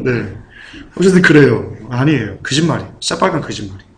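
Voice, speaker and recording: A man preaching a fervent sermon as pastor. He keeps asking the congregation questions. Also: fairly high pitch. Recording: echoey hall.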